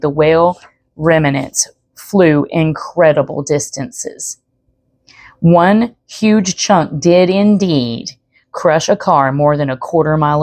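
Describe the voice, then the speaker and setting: A woman storyteller reads aloud expressively, slipping in chatty asides to the listener. Her voice sits low with a darkish tone, and the recording is dry.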